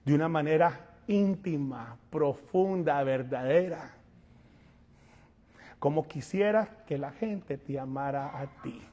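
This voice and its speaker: A male pastor preaching a sermon, animated, moving between quiet asides and loud calls, and acting out little scenes. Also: on the high side, takes it slowly, big-room sound. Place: church sanctuary.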